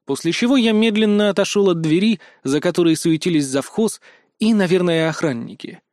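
A man reading a first-person audiobook in a tense, expressive way. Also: high voice, fairly quick, no echo, studio quality. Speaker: audiobook narrator.

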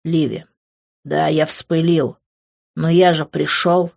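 A brusque young man with a temper, voiced by a woman reading an audiobook. He speaks slowly and low, biting off his words in a rough hiss. The recording sounds dull and lo-fi. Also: little pitch movement, a little mellow, heavily acted. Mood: angry, heated.

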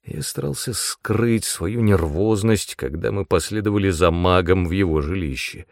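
A man narrating a first-person audiobook in an expressive, measured way. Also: deep voice, vocal fry, dry recording, clean studio sound.

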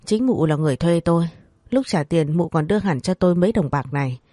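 A woman's voice: fairly low pitch, lively intonation, fast talker, no room sound. Young male servant , read by a woman: blunt, accusing, dry close sound. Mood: angry accusing. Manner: shouting accusations.

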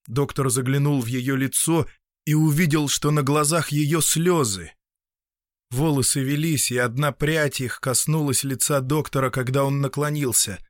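A man reading a classic story aloud as an audiobook narrator, even and measured, close to the mic. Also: mid-range voice, dry recording.

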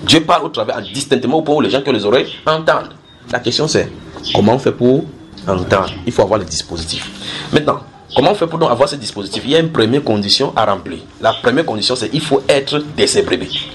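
Male preacher, brisk Bible teaching, repeats his points and quizzes the room, faint hiss behind. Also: medium pitch, expressive. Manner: explanatory, repeats key phrases, builds everyday analogies; asks listeners questions and draws call-and-response. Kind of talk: sermon-style Bible teaching to a group.

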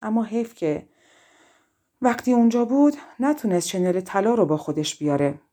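A woman's voice: medium pitch, warm tone, natural voice. A woman reading an audiobook and voicing jealous young brothers who speak in a sly, mocking way. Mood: scheming.

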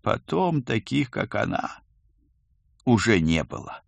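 A man voicing an old male house ghost who speaks in a rustling whisper, slow and instructive, in a storybook reading. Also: mid-range voice, huge pitch swings, gravelly, a bit bright, no room sound, pitched above the performer's own voice, heavily acted. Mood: sad.

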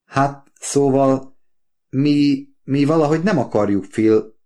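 A man voicing a blunt, strong-willed young woman in an audiobook, lifting his pitch for her. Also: warm tone, close to an everyday voice. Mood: insistent. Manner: blunt, insistent. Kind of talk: audiobook character voice.

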